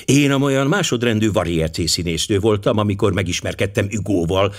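A man's voice: fairly low pitch, close to an everyday voice. A man voicing a worried American mother, speaking earnestly and pleadingly. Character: anxious American mother, middle-aged woman.

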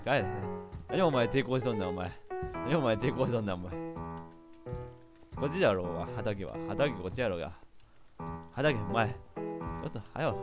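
A man with a doing casual game commentary, rough and bossy, scolding and muttering to himself. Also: medium pitch. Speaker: game streamer. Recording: game video with loud background music.

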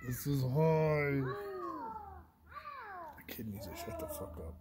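A man's voice: on the high side, huge pitch swings, slow pace, warm tone. A man riding a mountain chairlift outdoors, nervous and swearing in yelped exclamations. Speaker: passenger on a chairlift. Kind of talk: casual chat.

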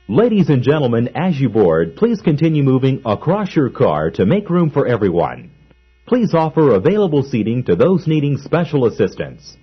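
A man giving polite, measured onboard train announcements in a formal manner. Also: medium pitch. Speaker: transit announcer. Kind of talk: recorded monorail announcements. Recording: dull lo-fi old recording.

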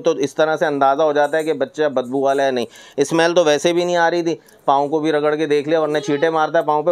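In a roofed, block-walled goat pen, a middle-aged man hosting livestock market videos gives a chatty, informal sales presentation, sprinkling in pious phrases and English words. His voice is on the high side and smooth.

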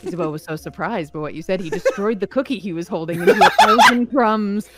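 A woman narrating a video game aloud as she plays, mixing expressive reading with casual commentary. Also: mid-range voice, quick pace, over loud music.

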